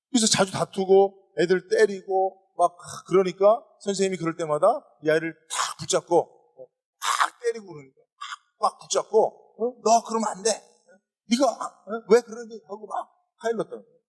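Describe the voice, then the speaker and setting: A man preaching a sermon as pastor, animated, often addressing the congregation directly. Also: sits high. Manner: animated preaching with calls of "여러분".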